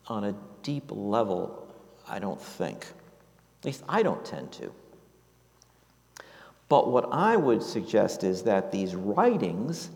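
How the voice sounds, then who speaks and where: Low-voiced pastor preaching in a reverberant hall. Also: male voice, creaky, a little mellow. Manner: halting, with many fillers and restarts. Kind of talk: sermon. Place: church.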